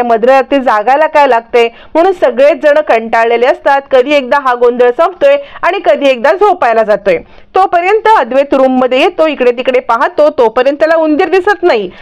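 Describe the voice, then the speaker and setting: A woman's voice: high-pitched, clean tone, highs cut off. A woman narrating a recap of a television serial, reading every character's lines in her own voice. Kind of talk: storytelling recap with voiced quotes.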